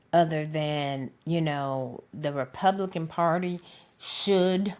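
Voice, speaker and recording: Fiery, swearing woman commentator. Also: lowish voice. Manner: emphatic, profane, keeps asking "okay?". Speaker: political commentator. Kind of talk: impassioned opinion monologue.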